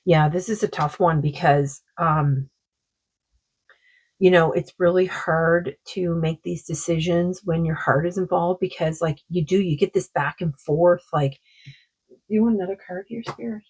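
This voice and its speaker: A woman doing a tarot card reading, talking in a slow, meandering way, her throat sore. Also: on the low side, steady tone, a little mellow, husky, poor audio. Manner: slow, meandering, full of likes and you-knows. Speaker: psychic card reader.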